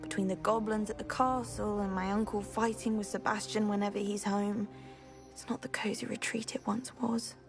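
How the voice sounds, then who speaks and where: An actress playing a gentle, weary young cursed witch, speaking softly and at times breathily in a video game. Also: medium pitch, little pitch movement, moderate pace, music in the background, close to an everyday voice.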